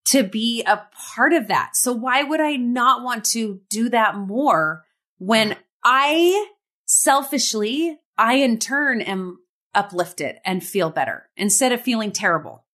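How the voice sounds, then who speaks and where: A woman hosting a podcast, reflecting and asking gentle questions in casual chat. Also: on the high side, animated, slow. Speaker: podcast host. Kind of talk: casual faith podcast interview.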